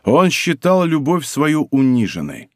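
A man's voice: fairly high pitch, wildly swooping pitch, measured pace, dry recording, clean studio sound. A man reading a novel aloud as an audiobook narrator, telling the story expressively. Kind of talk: scripted narration.

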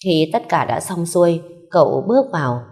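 A woman narrating a story in an even reading voice, giving the characters' lines a little more force. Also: low voice, normal speed.

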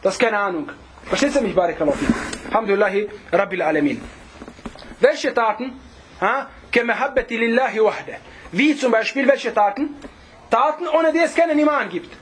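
Man, very high voice, religious lesson, rapid Arabic recitation, repetitive explaining, faint background noise. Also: lively intonation. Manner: explains repeatedly, asks the class rhetorical questions. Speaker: religious teacher.

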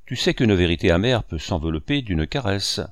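A man reading an audiobook, voicing a kindly, good-humored painter and uncle who speaks warmly and teases gently. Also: low voice, animated, brisk, dry recording, clean studio sound. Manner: warm, gently teasing.

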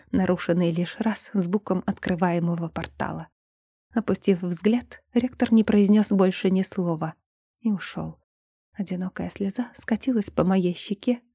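A woman narrating a first-person fantasy audiobook in a quiet, tense storytelling voice that sinks toward a whisper. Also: medium pitch, breathy edge, no room sound, clean studio sound.

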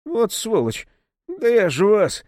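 A man voicing a hot-tempered brawny sauna instructor who shouts, curses and talks back. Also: fairly high pitch, animated, moderate pace, dry recording, studio quality, close to an everyday voice. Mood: furious. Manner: shouting, cursing, defiant.

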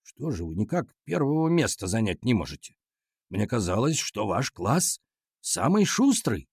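A man voicing a stern but kind male schoolteacher in a lower, measured, lecturing tone with a husky voice. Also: very animated, no room sound, clean studio sound, full character voice. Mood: patient, lecturing.

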